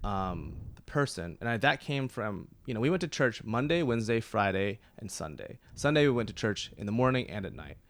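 A man's voice: lowish voice, expressive, fairly quick, few pauses, a bit bright. A man in his thirties from Oklahoma, talking as a podcast guest in a rambling way, with lots of fillers and restarts. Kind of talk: casual conversational interview.

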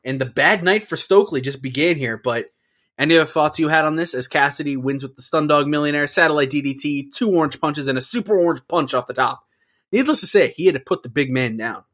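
A man's voice: fairly high pitch, fast talker, fairly bright tone. A man co-hosting a podcast, casually recapping results and reacting with offhand swearing. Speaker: wrestling podcast co-host.

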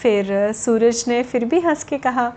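A woman telling a story to children, speaking lively and addressing them directly. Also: on the high side, slow pace, a little hiss or hum.

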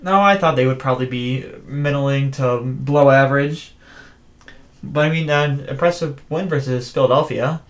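A man co-hosting a casual sports podcast, giving his picks and stats in a measured, analytical way. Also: mid-range voice. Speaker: podcast co-host.

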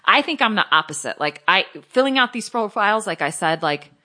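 A woman podcast host chats casually in a New England accent with a Portuguese tinge. Her voice is bright and forward, and her pitch moves around a lot as she rambles through anecdotes with giggles. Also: animated, brisk. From New England, United States. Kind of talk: casual chat.

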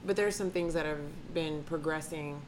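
A woman co-hosting a podcast, chatting in a lively way and steering the conversation to the next topic. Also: low voice, normal speed, slight background noise. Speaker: podcast co-host. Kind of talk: casual chat.

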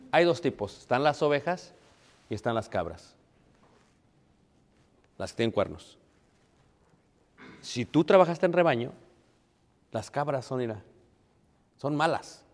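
A preaching man speaks to his congregation in a mid-range voice, dropping in English asides. His words ring out with the long reverb of a church hall. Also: medium pitch. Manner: preachy, addresses congregation as brothers, mixes English phrases. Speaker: pastor. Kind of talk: sermon.

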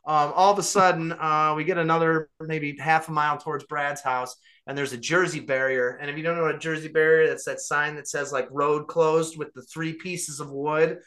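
A man's voice: on the high side, steady tone, moderate pace, few pauses, bright, forceful tone. A young adult man, co-host of a podcast, animatedly telling a funny story in casual chat and laughing along the way.

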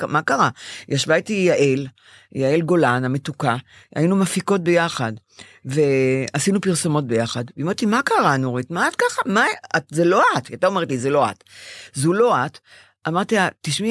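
An older woman talks in a bright, animated way, her pitch swinging widely as she acts out her own past words. Her voice is close and dry, with no room sound around it. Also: slightly rough, dry recording. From Israel. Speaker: podcast co-host. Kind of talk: casual chat.

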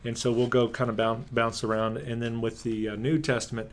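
A man's voice: medium pitch, flat delivery, fairly quick. A man chatting casually as a pastor and co-host, given to joking, teasing asides. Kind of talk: casual conversation.

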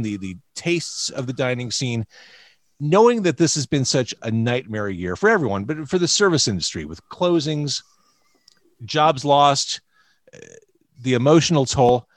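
Male podcast host, medium pitch, conversational and wordy, recorded dry with no room sound. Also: big pitch swings, moderate pace, no room sound. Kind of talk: casual hosting and interview talk.

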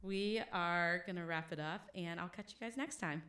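A woman's voice: fairly low pitch, normal speed, noisy background. Effusive young woman podcast host. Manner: effusive, giggly, gushing. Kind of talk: casual podcast chat.

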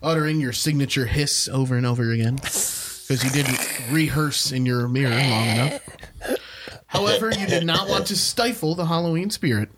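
A man's voice: medium pitch, moderate pace, background noise. A man co-hosting a podcast, casually reading a horror story aloud and breaking off to joke.

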